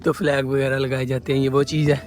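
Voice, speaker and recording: A Pakistani travel vlogger with a Punjabi accent walks around a windy rural village outdoors, showing and explaining things conversationally with repeated pointing phrases. His medium-pitched voice is level and fast, with faint music behind.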